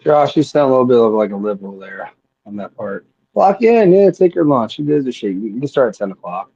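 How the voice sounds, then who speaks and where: A man's voice: mid-range voice, expressive, brisk, dark tone, breathy edge, no echo, muffled recording. A man co-hosting a casual talk radio show, speaking in a blunt, dismissive way with crude language. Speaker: podcast co-host.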